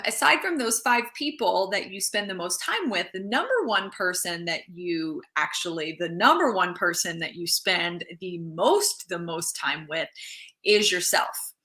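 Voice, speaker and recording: Hosting a relaxed livestream, this mindset coach talks in a mid-range voice that sounds pushed and bright. Her chatter is loose, with restarted phrases and hellos to each newly arriving viewer.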